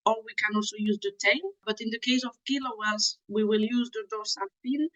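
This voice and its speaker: A young woman from Switzerland, a PhD student, giving methodical explanatory interview answers with frequent small pauses. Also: medium pitch, fairly even intonation, a bit bright, poor audio.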